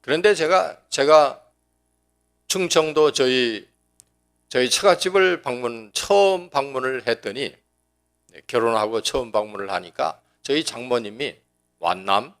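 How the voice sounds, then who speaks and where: A man preaching a sermon at a middle pitch. He keeps a folksy, joking tone and talks conversationally, often stopping and restarting a phrase. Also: measured pace, a bit bright, smooth. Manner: folksy and joking, acting out dialect quotes. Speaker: pastor.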